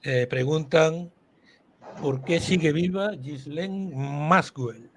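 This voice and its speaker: A man hosting a live-stream talk, relaxed and jokey. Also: fairly high pitch, slow pace, slight background noise. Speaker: host.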